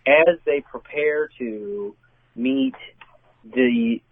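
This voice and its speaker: A man's voice: on the high side, wildly swooping pitch, drawn-out words, creaky, dry recording. A man calling in as a podcast guest, chatting casually in a hesitant, dry way with many fillers. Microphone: phone call. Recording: tinny phone line, dry.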